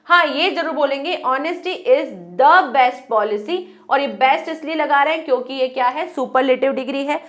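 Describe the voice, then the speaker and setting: A woman's voice: high voice, fairly bright tone. A woman teaching an online grammar lesson, explaining step by step and asking and answering her own questions. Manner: reads English sentences slowly and deliberately.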